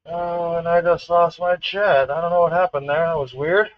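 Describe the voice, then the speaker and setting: A man casually explaining his woodturning steps while he works, in a relaxed, halting way. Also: on the high side, muffled recording. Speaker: woodturner streaming a demonstration. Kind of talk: casual live-stream commentary.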